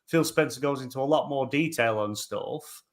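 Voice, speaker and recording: A man's voice: mid-range voice, moderate pace. Matter-of-fact man on a podcast. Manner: matter-of-fact, supplies names and dates. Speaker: podcast panelist. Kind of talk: casual chat.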